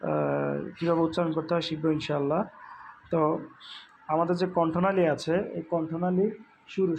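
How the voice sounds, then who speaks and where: A man with a high, gravelly voice teaches letter pronunciation. He goes slowly and patiently, repeating each sound with plenty of fillers. A faint hiss sits under the recording. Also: darkish tone. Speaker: Quran recitation teacher. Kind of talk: instructional lesson.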